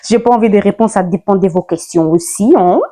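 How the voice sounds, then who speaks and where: Talking fast and chatty in a casual vlog, this Ivorian YouTuber, nineteen years old, is playful and sassy, tossing in slang as she addresses the camera. Her voice has a medium pitch and a dark tone.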